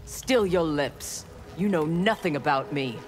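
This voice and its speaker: This fighting-game intro banter comes from an actress playing a stern female clan warrior clad in armor. Her low-pitched voice is animated and unhurried, cold, clipped and menacing. A slight hiss or hum sits in the game audio alongside the music.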